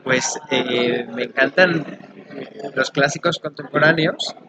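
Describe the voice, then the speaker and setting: Enthusiastic Madrid novelist in interview. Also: male voice, medium pitch, slow pace, noisy background. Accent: Spanish from Madrid. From Madrid, Spain. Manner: thoughtful, enthusiastic, explains at length. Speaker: novelist guest. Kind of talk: conversational interview.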